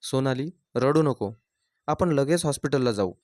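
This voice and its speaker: A man voicing a gentle, patient young wife who speaks quietly and meekly. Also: mid-range voice, expressive, moderate pace, no room sound, lightly acted. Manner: quiet, meek.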